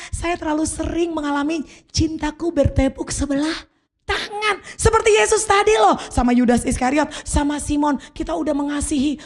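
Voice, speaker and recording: A woman pastor preaching a sermon in a church service hall, emphatic and leading the congregation to repeat phrases after her. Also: high-pitched.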